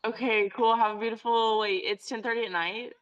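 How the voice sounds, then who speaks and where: A young woman hosting a podcast, chatty and effusive, full of fillers and warm praise for her guest. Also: on the high side, fairly even intonation, brisk, clear, resonant tone, lo-fi sound. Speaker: podcast host. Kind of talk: casual podcast interview.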